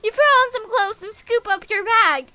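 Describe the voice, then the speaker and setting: This woman's voice is very high, bright, and forceful, moving at a moderate pace with slight background noise. She's a game streamer reading a visual novel aloud, tossing in playful asides, nonsense scatting, and muttering to herself.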